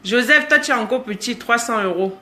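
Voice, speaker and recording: With a high-ish, bright, forceful voice and a slightly fast pace, a woman in her thirties with a Cameroonian accent runs a casual live stream. She reads comments, calls out viewers by name, and teases them.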